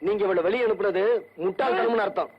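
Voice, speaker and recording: A man's voice: a little high, animated, very fast, slightly rough. An actor playing a blunt young village man who stands up to his elder firmly. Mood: defiant. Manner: firm, defiant, commanding. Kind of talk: 1980s film drama acting. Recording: dull old film soundtrack.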